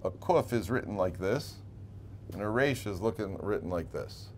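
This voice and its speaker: In a noticeably noisy room, a man with a low, animated voice at normal speed delivers an informal Torah lesson as a rabbi. His style is emphatic and questioning, with repeated key phrases and questions he answers himself.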